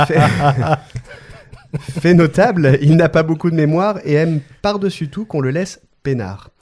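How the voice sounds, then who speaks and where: A man hosts a podcast and reads a guest introduction. His voice sits a little higher than most men's. He keeps it playful, breaking into laughter and joking asides between the scripted lines. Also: unhurried, darkish tone. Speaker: podcast host.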